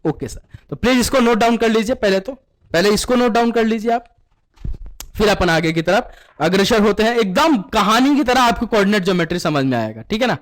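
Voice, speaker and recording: High-voiced Hindi math teacher drilling students. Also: male voice, animated, fairly quick. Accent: Indian Hindi with English terms. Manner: repeats questions and drills answers, calls students beta. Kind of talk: classroom lesson with call-and-response.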